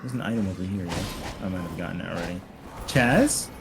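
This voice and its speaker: A man's voice: low-pitched, fairly even intonation, rapid-fire, background noise. A man streaming a co-op game, chatting casually and telling a rambling story full of "like" and "um". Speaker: streamer playing co-op. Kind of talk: casual gaming chat.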